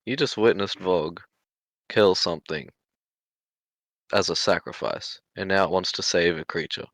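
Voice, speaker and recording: Low-voiced player guy, worked up, dry close sound. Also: normal speed, a bit bright, no echo.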